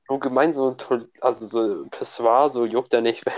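A man's voice: mid-range voice, steady tone, unhurried, a little mellow, muffled recording. A young man, a student, in casual chat, slangy and laughing often, with many restarts. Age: young adult.

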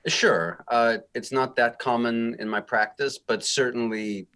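A man's voice: medium pitch, fairly even intonation, measured pace, a bit bright. A man speaking as a guest music therapist, talking in a thoughtful, reflective, self-deprecating way in a casual interview.

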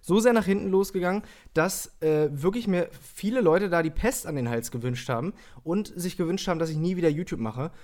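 A young man hosting a casual talk show, telling stories in a relaxed way with blunt, crude jokes. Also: fairly high pitch, brisk, few pauses. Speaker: podcast host and YouTuber. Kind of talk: casual chat.

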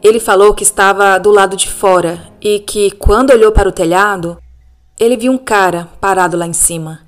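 A woman with a Brazilian Portuguese accent, reading listener-sent ghost stories aloud as a podcast narrator in a calm, steady storytelling manner. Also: medium pitch, brisk. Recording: faint music bed behind the voice.

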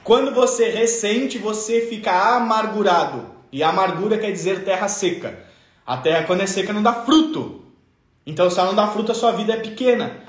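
A man with a southern Brazilian accent delivers an emphatic, playful motivational talk in a very high voice. His words ring out in an echoey room. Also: brisk. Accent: southern Brazilian, Rio Grande do Sul. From Rio Grande do Sul, Brazil. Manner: emphatic, playful, acts out examples. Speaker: motivational speaker.

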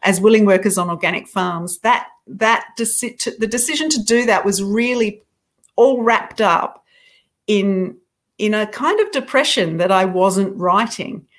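A woman's voice: mid-range voice, unhurried. A middle-aged woman author, a guest in an interview, talking reflectively and self-deprecatingly about her writing, with frequent restarts.

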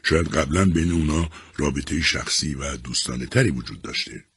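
A man narrating a novel as an audiobook, expressive and acting out each character. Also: rumbling low, husky, dry recording, studio quality. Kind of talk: scripted storytelling narration.

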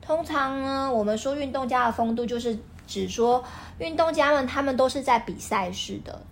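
A woman's voice: sits high, normal speed, slight background noise. A woman reading aloud to a toddler, expressively explaining and asking simple questions in a teacherly way. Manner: expressive, questioning, teacherly way of talking to a small child. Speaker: parent reading a picture book with a child.

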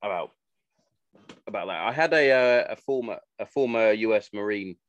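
A man chats casually as a podcast host. His voice sits a little low and is recorded very dry. He is blunt and informal, with swearing mixed in. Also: normal speed, no echo, highs cut off. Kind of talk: casual chat.

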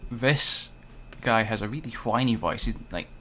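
A man's voice: lowish voice, lively intonation, normal speed, pushed and bright, a little hiss or hum. A man co-hosting a casual music review podcast, blunt and dryly critical. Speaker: podcast co-host.

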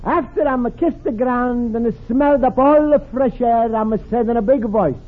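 In a 1950s radio comedy, an actor plays a sweet, naive Italian immigrant man speaking broken English with an Italian accent, in a wistful mood. His voice is very high and breathy at a moderate pace, with phone-like sound from an old radio broadcast before a studio audience.

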